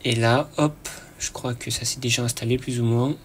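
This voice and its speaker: A man hosting a casual screen-recorded tech tutorial, relaxed and chatty, often pausing with fillers and a quick "hop" as he clicks. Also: mid-range voice, a little hiss or hum.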